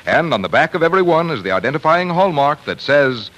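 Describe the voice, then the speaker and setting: A man's voice: on the high side, very animated, quick pace, fairly bright tone, rough recording. An American man working as a 1940s radio announcer, reading scripted introductions and sponsor messages. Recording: vintage radio broadcast, music behind.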